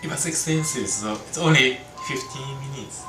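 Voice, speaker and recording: A Japanese man in his thirties, a native Japanese speaker chatting in halting English on a couple's vlog and laughing often between words. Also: mid-range voice, echoey room, distant mic, music in the background. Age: 30s. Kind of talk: casual chat.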